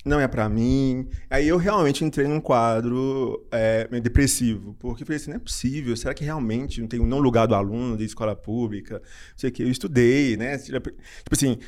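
A young man from Brazil, a psychiatrist, guesting on a podcast and telling a personal story in an animated way, laughing often and repeating phrases. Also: medium pitch, brisk. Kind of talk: casual storytelling in an interview.

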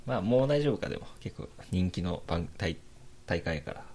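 A man's voice: sits low, lively intonation, fairly quick, a little mellow, breathy edge. A young man with a Kansai accent, co-hosting a podcast in casual chat with dry, wry teasing. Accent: Kansai Japanese. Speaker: podcast co-host.

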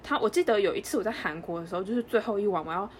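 A young woman co-hosting a casual podcast, telling a story in an animated way and acting out the lines of others. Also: mid-range voice, a little hiss or hum. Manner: animated storyteller, quick, acts out dialogue. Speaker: podcast co-host.

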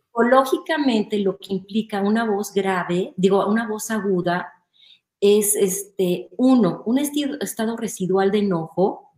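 A woman with a Mexican accent talks in a lively, explanatory way as an interview guest, often checking in with "¿no?". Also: medium pitch. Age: adult, a mother. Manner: animated, explanatory, often asks "¿no?". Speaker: guest, image consultant. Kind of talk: conversational interview. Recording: roomy echo.

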